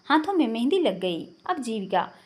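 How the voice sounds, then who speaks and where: A woman voicing a quick-witted but nervous young woman who stammers when caught. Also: a little high, very animated, darkish tone. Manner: flustered, stammering.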